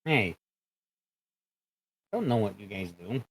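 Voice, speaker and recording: A man's voice: on the low side, sing-song, takes it slowly, breathy edge, low-quality recording. A man in casual voice-call chat as a tabletop game player, thinking aloud and correcting himself as he goes.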